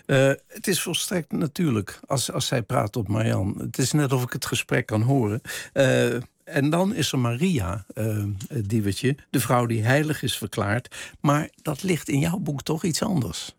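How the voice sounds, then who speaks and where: A man's voice: medium pitch, lively intonation, a little slow, vocal fry, breathy edge, no room sound, clean studio sound. A man interviewing an author on the radio, asking conversational questions with plenty of fillers.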